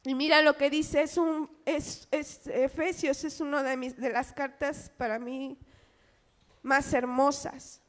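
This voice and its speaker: A woman's voice: sits high, little pitch movement, slow pace. A woman preaching an impassioned sermon in a church, often calling the congregation "brother" and asking them rhetorical questions. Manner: impassioned, keeps addressing the congregation as "hermano"; asks the listeners rhetorical questions.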